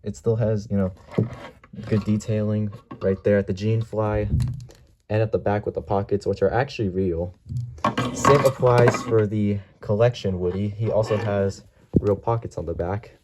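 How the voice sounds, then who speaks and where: A man's voice: on the low side, fairly even intonation, moderate pace. A man giving a casual product comparison as a toy reviewer. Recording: mellow home recording, faint noise.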